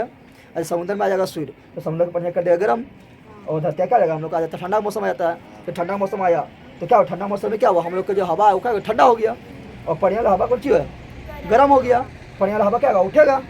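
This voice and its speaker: Fast, high-voiced teacher. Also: male voice, slight background noise. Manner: animated, repetitive questioning, colloquial Hindi with regional forms. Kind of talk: classroom lecture with call-and-response.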